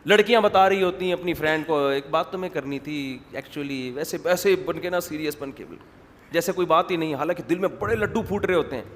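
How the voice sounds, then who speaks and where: Preacher guy, kinda high voice, cracks jokes and goes off topic, long echo, faint noise. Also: fairly bright tone. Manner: digressive, joking, acts out quotes. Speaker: Islamic preacher. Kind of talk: humorous religious lecture. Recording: reverberant hall, faint background noise.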